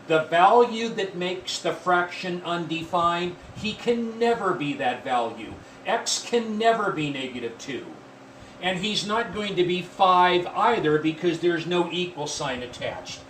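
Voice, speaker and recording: A man gives a math lecture in a deliberate, repetitive teaching manner, his voice somewhat high for a man. He sounds set back from the microphone in an echoey room, with a faint hiss of noise underneath. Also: fairly bright tone, far from the mic. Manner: deliberate, repeats key points, addresses students as folks.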